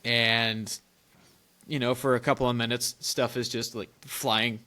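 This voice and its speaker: A young man co-hosting a podcast, telling family stories in casual chat, animated and laughing often, with rambling restarts. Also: mid-range voice, unhurried. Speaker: podcast co-host.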